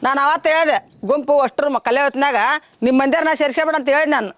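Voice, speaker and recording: A woman's voice: high voice, very fast, no echo, natural voice. A woman playing a nagging middle-aged savings collector who grumbles and scolds. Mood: scolding. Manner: grumbling, scolding, spits in disgust. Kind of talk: village short-film acting.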